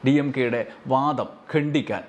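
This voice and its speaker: A man narrating a news report in a measured, explanatory way. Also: mid-range voice.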